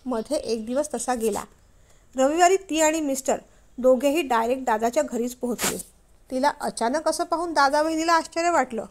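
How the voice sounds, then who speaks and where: A woman telling a family story in a high, clear voice. She reads steadily and expressively, as scripted narration. The delivery suits an audio story. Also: moderate pace, slight background noise.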